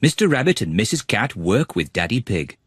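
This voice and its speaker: A man's voice: fairly low pitch, very animated, moderate pace, no echo. A man playing a kindly storyteller, narrating a preschool cartoon in simple, friendly sentences. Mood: kindly explaining. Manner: clear, simple, friendly explaining. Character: kindly male storyteller narrating for small children.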